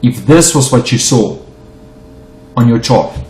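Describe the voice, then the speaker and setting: With lively intonation and a slightly slow, mellow delivery, a middle-aged South African man whose first language is Afrikaans teaches forex through an unedited screen-share chart walkthrough. His voice is mid-range, and he stumbles and repeats himself as he explains. The sound is roomy.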